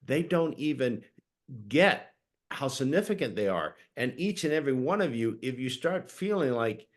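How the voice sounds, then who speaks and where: A man's voice: medium pitch, sing-song, moderate pace. A man hosting a video call as a coach, talking to the audience in an earnest, encouraging way. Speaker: host, coach. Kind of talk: motivational talk on a video call.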